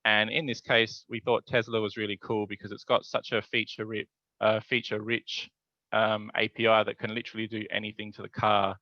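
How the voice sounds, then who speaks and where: A man presenting his hackathon team's project over a video call, relaxed and dotted with filler words. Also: on the low side, a little fast, dry recording. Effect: voice heard over a video call. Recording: dull video call audio.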